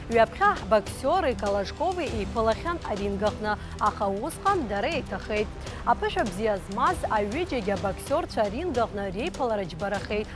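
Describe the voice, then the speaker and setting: A woman presenting sports news in scripted narration. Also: on the high side. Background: music.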